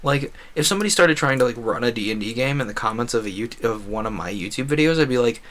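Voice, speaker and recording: A livestreamer and video creator chats casually over gameplay, rambling in a halting way, often trailing off and rephrasing himself. His voice is medium in pitch and fairly bright, with lively intonation.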